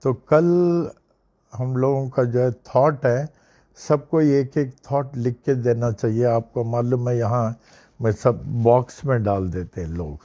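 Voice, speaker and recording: Slow, low-toned older male guru. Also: steady tone, mellow, highs cut off. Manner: slow, repeats phrases, mixes in English. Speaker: spiritual teacher. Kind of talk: devotional discourse with storytelling.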